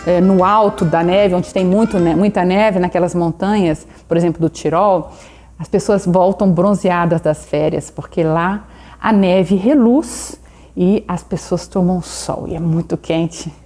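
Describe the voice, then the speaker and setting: A woman teaching a German lesson. She slows down sharply to model German phrases, rolls her R, and keeps checking in with "né?" and "tá bom?". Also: fairly low pitch, mellow, soft background music. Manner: fillers of "né?" and "tá bom?" to check in with the viewer. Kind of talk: language lesson.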